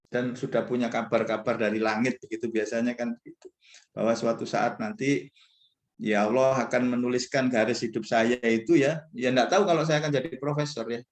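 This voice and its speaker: A university professor, appearing as a guest mentor, gives students an informal religious lecture in a conversational, rambling, self-deprecating style. His voice is mid-range and moderately paced, and the recording sounds echoey and roomy.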